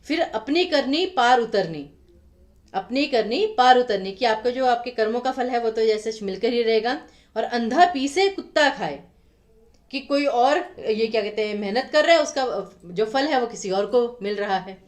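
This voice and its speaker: Himachali hindi lady teacher, pretty high voice, goes over words slow and patient, sounds a bit off-mic. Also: recorded from a distance. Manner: explanatory, repeats words slowly to stress spelling and pronunciation. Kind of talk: exam-prep language lecture.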